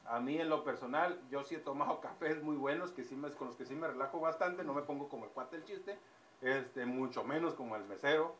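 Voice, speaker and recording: A man hosting a podcast, telling a joke in a casual, slangy, animated way. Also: medium pitch, brisk. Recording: echoey room, far mic, loud background noise.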